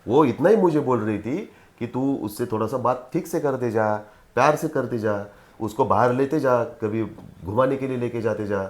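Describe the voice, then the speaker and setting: A man's voice: mid-range voice, normal speed, a little mellow, close to an everyday voice. An older man playing a worried father who reasons with and scolds his son in a family drama. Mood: persuading. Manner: pleading then scolding.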